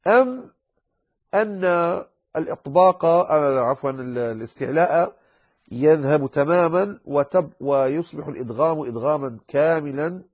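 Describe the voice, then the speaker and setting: A man teaching the rules of Quran recitation in an explanatory lecture, slowing down to recite examples with drawn-out words. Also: medium pitch, a little mellow, dull audio.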